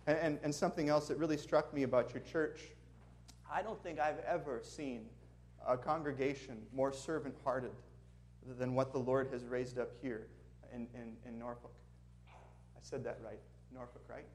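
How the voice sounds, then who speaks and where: A guest preacher from Minnesota, with a Minnesotan accent, delivers a sermon with prayer and storytelling to a congregation in a church sanctuary. His mid-range voice is steady and moderately paced, earnest and friendly with chuckling asides, over slight background noise.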